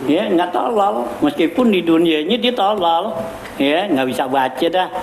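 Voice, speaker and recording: A man teaches a religious study circle in a loose, conversational way, dropping constant fillers and chuckling as he goes. His voice sits a little high for a man. The recording has the echo of a large hall, with steady background noise. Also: a little slow, gravelly. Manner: casual, repetitive fillers, chuckles while teaching. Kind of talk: informal Islamic study lecture. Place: prayer hall.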